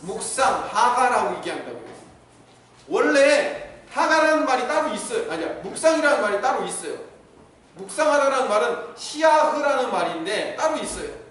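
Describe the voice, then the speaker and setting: A man's voice: extremely high pitch, big pitch swings, normal speed, a bit bright. A middle-aged male pastor preaching a sermon, teaching and asking the congregation questions. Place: church sanctuary. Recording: echoey hall, mic from far off.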